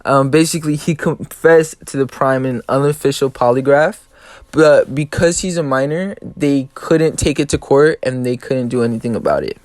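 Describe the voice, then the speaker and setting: A man's voice: mid-range voice, moderate pace, darkish tone, dry recording. Young man, dry-room, list-like delivery. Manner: matter-of-fact, list-like delivery. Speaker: student co-presenter. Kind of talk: reading prepared notes.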